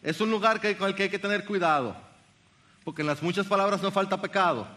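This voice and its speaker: Man, preacher, sermon, high voice, bright forceful tone, earnest, questions the congregation. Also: fast. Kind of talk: sermon with Bible reading.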